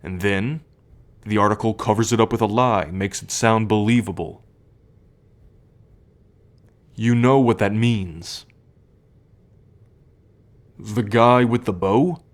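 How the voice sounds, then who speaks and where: A young man voices a troubled, protective male werewolf in an ASMR roleplay, confiding in a measured, halting way. His pitch is fairly low and his mood earnest.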